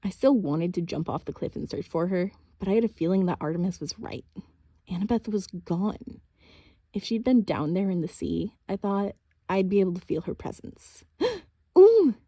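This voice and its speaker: A woman's voice: on the low side, moderate pace, warm tone, husky, no echo. A woman narrating an audiobook in a casual, first-person storytelling manner.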